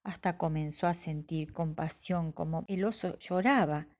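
A woman's voice: on the low side, moderate pace, a little mellow. A woman reading a children's storybook aloud expressively, acting out sound effects.

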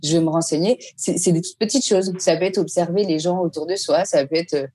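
A woman teacher casually explaining a mindfulness exercise step by step, pausing often to search for words. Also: fairly low pitch, mellow. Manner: explains step by step with frequent hesitations. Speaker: teacher giving mindfulness advice.

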